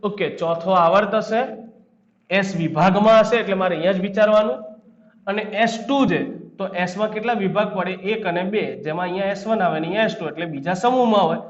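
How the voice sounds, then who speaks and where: A man's voice: high voice, fairly quick. A man with a Gujarati accent giving a chemistry lecture, quizzing his students and then answering his own questions. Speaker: chemistry teacher. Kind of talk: classroom lecture. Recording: echoey room, dull lo-fi sound.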